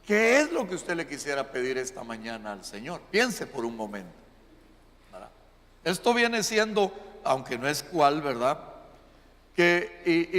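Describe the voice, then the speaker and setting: Pastor preaching in a reverberant church. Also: male voice, fairly high pitch, a bit bright. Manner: addresses the congregation directly, often asking "¿verdad?" and calling them "hermano". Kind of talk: sermon. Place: church sanctuary. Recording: long reverb of a church hall.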